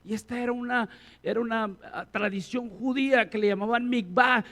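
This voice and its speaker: A man preaching a sermon as pastor, lively and expressive, dropping to a hush and then rising again. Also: extremely high pitch, moderate pace. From Latin America. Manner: animated, acts out quoted voices, swings between loud and hushed.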